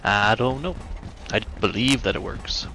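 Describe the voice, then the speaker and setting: A man's voice: mid-range voice, animated, unhurried, sharp tone, a little hiss or hum, low-quality recording. A man streaming a shooter game, chatting casually, rambling and swearing freely. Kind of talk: casual gaming chat.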